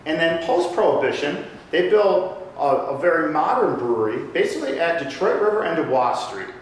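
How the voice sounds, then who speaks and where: A man's voice: on the high side, very animated, fairly quick, far from the mic. A man giving a casual, joking public lecture, chatting with the audience. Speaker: lecturer on local brewing history. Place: lecture room with a live audience. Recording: echoey room, voice from off mic, faint hiss.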